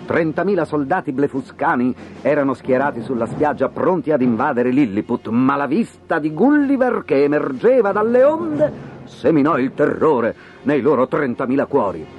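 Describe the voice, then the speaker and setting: Expressive male storyteller, animated reading, muffled recording with faint music underneath. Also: fairly high pitch, normal speed. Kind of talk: scripted storybook narration. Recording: slightly dull audio with faint music.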